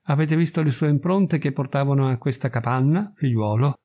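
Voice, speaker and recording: A man voicing a stern, persuasive priest who speaks gravely, in a read storybook. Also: medium pitch, a little fast, warm tone, natural voice. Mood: gentle. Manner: grave, solemn.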